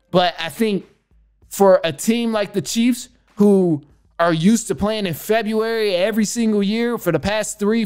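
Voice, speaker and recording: A young man hosts a sports podcast from a home studio, using a studio mic with headphones. His high-pitched voice is clean with a darkish tone, and his casual sports commentary is emphatic and repetitive, with stammering restarts.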